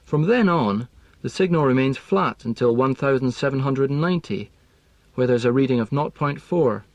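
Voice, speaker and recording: A man explaining language teaching in a scripted lesson, speaking in a measured, precise way. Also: mid-range voice, expressive, a little mellow, no room sound.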